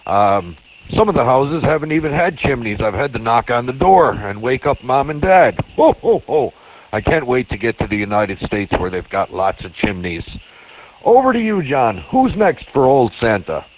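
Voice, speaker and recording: A jolly old Santa Claus, put on by a man, speaking over a two-way radio that makes him thin and tinny. His hearty ho-ho-hos leap high, and his pitch swings widely. There's a faint hiss on the channel. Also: big pitch swings, moderate pace. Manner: hearty ho-ho-ho laughs, jovial. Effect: two-way radio transmission.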